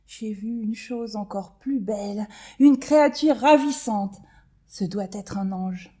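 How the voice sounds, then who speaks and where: A woman voicing a shy, lovestruck male dung beetle in a children's storybook reading, soft and hesitant. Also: mid-range voice, slow pace. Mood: dreamy.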